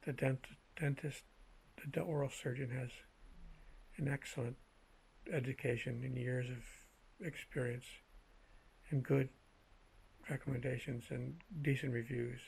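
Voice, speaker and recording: A man speaking in a measured, halting way with a gravelly, husky voice, telling personal anecdotes in a casual monologue. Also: medium pitch, steady tone, darkish tone, poor audio. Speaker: vlogger telling personal stories.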